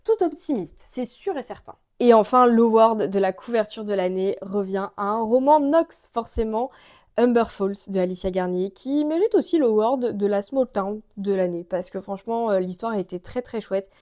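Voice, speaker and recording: A young book vlogger with a French accent chats casually to camera, gushing about books and filling her speech with fillers. Her mid-range voice is a little mellow and moves at a normal speed.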